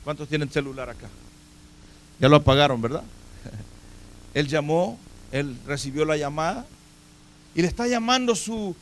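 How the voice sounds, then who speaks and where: A man preaching a sermon in a church, speaking emphatically and putting direct questions to his congregation. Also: high-pitched. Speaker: pastor. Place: church sanctuary.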